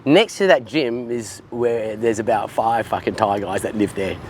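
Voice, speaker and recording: A man's voice: fairly low pitch, moderate pace, husky. Blokey Australian man chatting casually. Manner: blokey, sweary, matey. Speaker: podcast host interviewing a guest. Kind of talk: casual chat.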